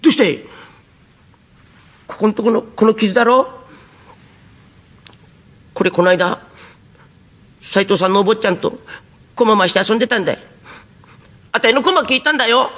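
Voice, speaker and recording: A man's voice: very high-pitched, bright, forceful tone, heavily acted. Man voicing a sweet eager little boy. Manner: eager, innocent, chatty. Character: earnest poor young boy, sweet and plain. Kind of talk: traditional rakugo storytelling.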